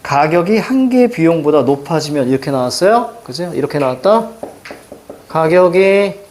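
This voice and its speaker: Lively, animated male reading teacher. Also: a little high, moderate pace, slight background noise. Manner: lively, rhetorical questions to students, repeated "자". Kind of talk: recorded lecture explaining a reading passage.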